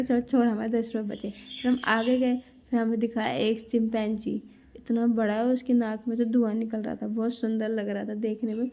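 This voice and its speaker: A woman's voice: fairly high pitch, highs cut off. A woman in her thirties telling a family outing story in a chatty casual vlog, talking straight to her viewers. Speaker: vlogger.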